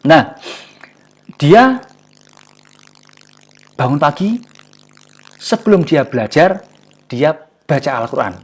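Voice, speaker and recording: A man giving a casual, jokey motivational talk to a live online audience, often pausing for words. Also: a little high, very animated, breathy edge. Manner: chatty and jokey, often searching for words with fillers. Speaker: online class speaker.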